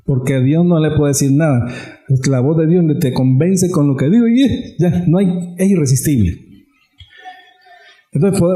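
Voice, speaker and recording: Mellow-voiced male pastor preaching. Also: fairly high pitch, echoey room. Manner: emphatic, repetitive, addresses the congregation directly. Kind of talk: sermon.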